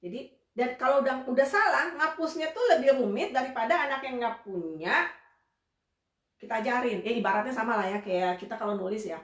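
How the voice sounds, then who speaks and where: A woman's voice: fairly high pitch, expressive, brisk, fairly bright tone. A woman behavior analyst giving a casual, conversational live lesson to parents, chatty and full of tag phrases. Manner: chatty, conversational, often tags phrases with "gitu ya". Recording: echoey room livestream audio.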